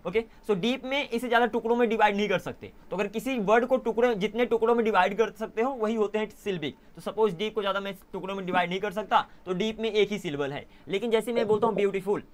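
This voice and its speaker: A young man teaching an online English class in a casual way, often pausing to correct himself. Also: high-pitched. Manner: casual, self-correcting, mixes Hindi and English.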